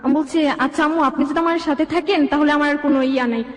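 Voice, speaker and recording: A young woman with a high-pitched, steady voice speaks fast as she conversationally tells her life story, running on in long detail and quoting dialogue. The recording is echoey and reverberant.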